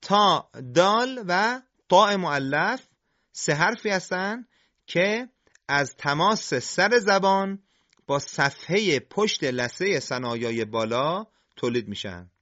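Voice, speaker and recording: A man teaching Quran recitation, explaining how letters are formed and slowly sounding them out to demonstrate. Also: high-pitched, expressive, bright, forceful tone, no room sound, dull audio. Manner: slow, deliberate, demonstrates sounds. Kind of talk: scripted instructional lesson on tajweed.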